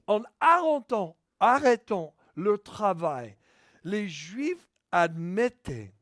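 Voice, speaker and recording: High-voiced man preaching a sermon. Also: dry recording, studio quality. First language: English. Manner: emphatic, builds to near-shouting on key points; restarts words mid-sentence. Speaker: pastor.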